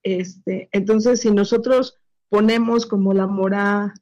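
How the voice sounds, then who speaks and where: A woman, a mother speaking earnestly and thoughtfully in a women's group, often pausing to search for her words. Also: medium pitch, fairly even intonation, darkish tone, dull audio. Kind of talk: reflective group sharing.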